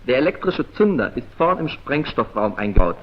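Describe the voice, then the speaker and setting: A male narrator from a 1940s film speaks with formal, precise, clipped declamatory delivery. His medium-pitched voice is sing-song at a normal speed, and the vintage soundtrack is muffled and dull.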